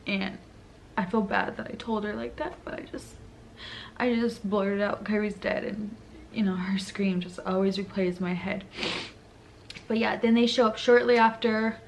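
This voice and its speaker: A woman's voice: mid-range voice, steady tone, normal speed, vocal fry, a little hiss or hum. A young woman vlogger telling a painful personal story, tearful, her voice breaking and rising in distress. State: crying.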